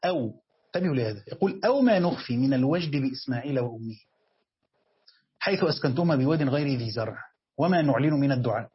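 A man with an Egyptian accent teaching a classroom lesson on Quran commentary, reading the text slowly and then explaining quickly and quizzing his students. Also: medium pitch, expressive, breathy edge, highs cut off.

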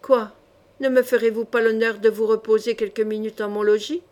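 A woman voicing a pale, timid young woman who speaks softly with a slight tremble, read in an audiobook. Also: fairly high pitch, level tone, brisk, natural voice. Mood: coaxing.

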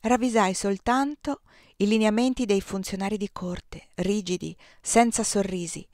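Woman, audiobook reader, first-person narration, expressive, dry close sound. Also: medium pitch, a little slow, no echo. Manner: expressive, lively reading.

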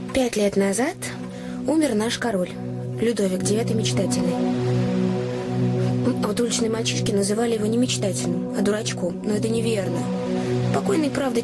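In a Russian audio play, an actress voices an anxious, kind-hearted young innkeeper's daughter, telling her story in a confiding, earnest way with naive expressiveness. Her female voice is on the high side and only lightly acted.

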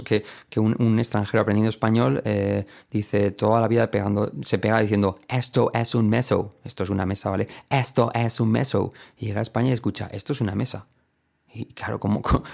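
A man's voice: lowish voice, vocal fry. A man from Spain with a Spanish accent, teaching English in a recorded lesson and drilling example phrases over and over. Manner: lively, repeats example phrases, sings snippets.

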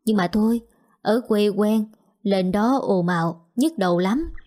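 A woman's voice: medium pitch, unhurried, mellow, lightly acted. A woman reading as a shrewd old village matchmaker. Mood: persuasive.

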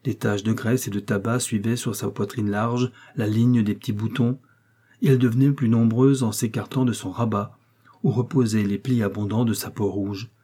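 A man reading a classic novel aloud as an audiobook narrator, measured and expressive. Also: lowish voice, breathy edge. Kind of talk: literary narration.

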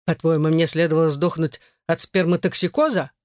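A man's voice: on the high side, steady tone, a little fast, no room sound, studio quality, lightly acted. A man reading an audiobook voices a hot-tempered young husband who growls through his teeth. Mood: defiant.

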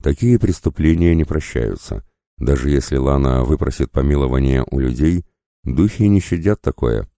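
A man voicing a calm, earnest young woman healer in an audiobook, speaking softly and steadily. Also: very deep voice, moderate pace, dry recording, clean studio sound.

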